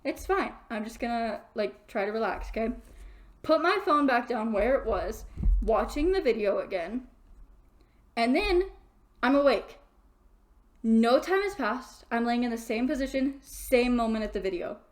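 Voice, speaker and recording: A young woman vlogs from her bedroom, telling a long story in a casual, rambling way. Her voice sits a little high. She trips over restarts and leans on filler words as she goes. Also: a little slow. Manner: rambling, animated, lots of fillers like "like". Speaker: vlogger.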